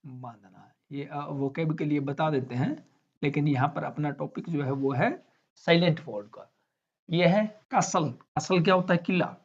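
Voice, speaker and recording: A man's voice: on the high side, a little slow, husky. A male teacher explaining English silent letters in a classroom lesson. He asks questions and answers them himself, step by step. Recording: dull lo-fi sound.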